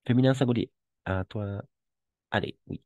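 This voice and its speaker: Slowly and patiently, this French teacher repeats every word for his class to drill. His voice is on the low side and warm; there's no echo, but the highs are cut off.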